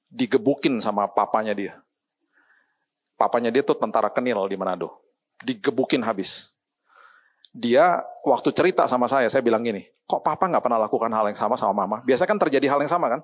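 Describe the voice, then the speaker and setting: A middle-aged man preaching, telling a personal story to his congregation. His voice sits in a middle range, and he brings in the people he quotes with lively voices, sometimes switching to short English phrases. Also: medium pitch, moderate pace, long pauses. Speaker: pastor. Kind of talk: sermon.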